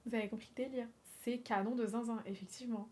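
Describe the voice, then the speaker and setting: A woman from France chatting on a livestream, animated and swearing freely, laughing often and slipping in English phrases. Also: fairly high pitch, quick pace. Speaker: streamer. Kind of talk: casual livestream chat.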